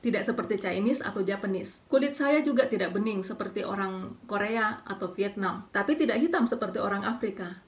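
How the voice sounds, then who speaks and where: A woman vlogger from South Sulawesi, Indonesia, talks through scripted advice at an even, calm pace. She keeps turning to the viewer with rhetorical questions. Her voice sits at a middling pitch and sounds a little away from the microphone. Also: far from the mic. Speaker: vlogger giving dating advice. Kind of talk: scripted talk to camera.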